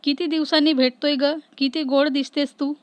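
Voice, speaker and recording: A woman's voice: high-pitched, level tone, normal speed, dry recording, natural voice. A woman voicing an affectionate young man who sweet-talks his beloved. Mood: doting. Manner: doting, sweet-talking.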